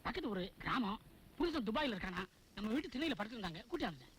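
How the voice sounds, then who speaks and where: A man's voice: high voice, sing-song, quick pace, background noise. An actor playing a smitten middle-aged father in a comic film scene, punctuating talk with grunts.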